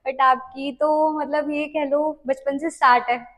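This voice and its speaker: A woman's voice: high voice, steady tone, measured pace. A woman hosting a podcast interview who prompts her guest, finishes her sentences, and mixes English words into her Hindi. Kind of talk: casual interview chat.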